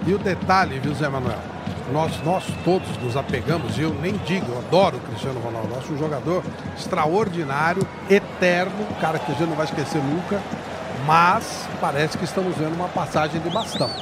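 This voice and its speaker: A man's voice: a little high, fairly quick. A Brazilian man giving opinionated live football commentary as a pundit. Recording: very noisy live broadcast.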